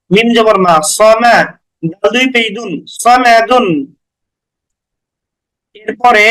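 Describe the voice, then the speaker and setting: A man with a very high voice teaches beginners to read the Quran. He spells out each letter and vowel mark patiently, syllable by syllable, then joins them into a word, adding short plain explanations along the way. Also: a bit bright, rough recording.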